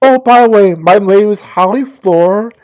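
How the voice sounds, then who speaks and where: A woman's voice: mid-range voice, a little slow, darkish tone, lightly acted. A woman voicing a bubbly, gushing sorority-girl druid with a Valley Girl accent in a tabletop game.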